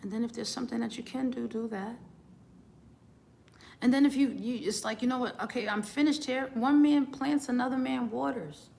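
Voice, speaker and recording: Earnest woman with a gravelly edge. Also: a little high, normal speed, dark tone. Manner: earnest, repeats words when starting a thought. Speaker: singer giving encouragement. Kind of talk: motivational talk.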